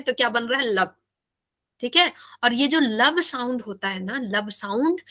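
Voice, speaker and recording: A woman's voice: a little high, pushed and bright. A woman teaching a biology class in Hindi-English, asking questions and repeating key terms. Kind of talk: live online class lecture.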